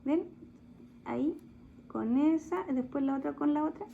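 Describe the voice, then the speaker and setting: A woman's voice: high voice, a little slow, gravelly, phone-quality sound, slight background noise. A woman teacher with a Chilean accent, giving a recorded class to children and explaining patiently step by step while asking her pupils questions. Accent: Chilean Spanish.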